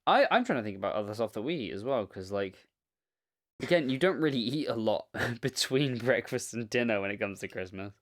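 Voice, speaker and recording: A man's voice: mid-range voice, expressive, a little fast. A young man co-hosting a podcast, chatting casually and animatedly, swearing and laughing often. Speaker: podcast co-host. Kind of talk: casual chat.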